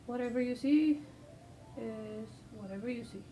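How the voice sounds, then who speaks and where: This artist's fairly high voice has a warm tone as she draws and rambles hesitantly in English, not her first language, full of ums and self-deprecating remarks. The recording is muffled, made with a distant mic, with background music and slight noise.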